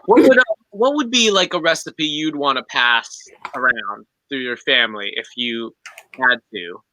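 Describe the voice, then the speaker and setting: A man's voice: medium pitch, moderate pace, bright, forceful tone, low-quality recording. A man hosting a casual online show, asking upbeat questions and laughing easily. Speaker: host. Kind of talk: casual chat.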